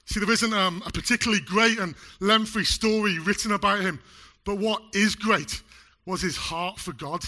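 In a church hall, a man with a high, sharp-toned voice preaches a sermon. He's chatty and jokey, loose with his fillers, and still getting over a chest cold.

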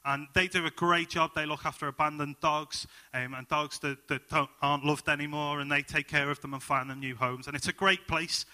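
Bright, chatty Liverpool-accented preacher man. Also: fairly high pitch, steady tone, fairly quick, few pauses. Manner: chatty, jokey and upbeat, many ums. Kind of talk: sermon with personal stories.

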